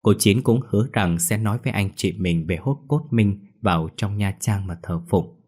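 Guy telling a ghost story, low husky voice, slow and mournful. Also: a little mellow.

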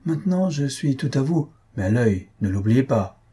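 Guy doing a sly teasing man in a storybook, fake-polite and ironic, mellow husky voice. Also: medium pitch, sing-song, moderate pace. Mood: mocking. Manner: ironic, mock-grand politeness. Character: mocking, teasing middle-aged man at the lodge.

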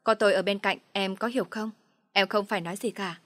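Woman reading as an icy young rich man, curt, commanding, firm and loud, dry sound. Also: medium pitch, fairly even intonation, quick pace, dry recording, natural voice. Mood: cold.

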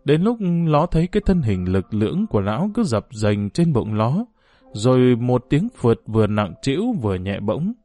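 A man narrating a novel as an audiobook in an expressive storytelling manner. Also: mid-range voice, normal speed, dry recording, faint music behind.

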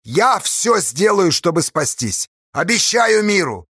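A man's voice: sits high, sing-song, takes it slowly, bright, forceful tone, breathy edge, dry recording, studio quality, voice pushed up, full character voice. A man voicing a hot-tempered, defiant barge pilot who commands his crew in an audiobook. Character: fiery stubborn barge pilot, a grown man.

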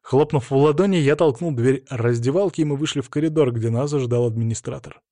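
Steady male storyteller. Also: mid-range voice, fast talker, dry recording, clean studio sound. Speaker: narrator. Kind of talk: scripted first-person narration.

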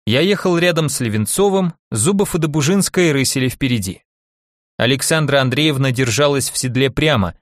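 A male audiobook narrator telling the story in the first person at an even pace. His voice sits at an ordinary pitch, and the recording is dry and close. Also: no room sound.

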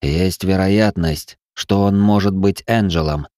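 A man voicing a stubborn captain who is a digital ghost, speaking slowly and steadily. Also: deep voice, a little mellow, dry recording, clean studio sound, lightly acted.

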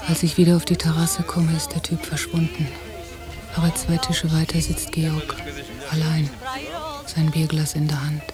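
A low-pitched, completely flat, lightly acted delivery comes from an actress portraying a brooding, anxious, jealous woman on holiday, young to middle-aged and watchful. She is quiet, introspective, and measured, her mood inward. The material is intimate monologue and dialogue from a 1990 German radio drama on cassette, with music underneath.

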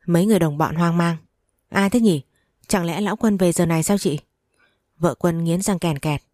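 A woman's voice: fairly low pitch, normal speed, warm tone, no room sound, clean studio sound. A woman narrating a dramatic first-person story.

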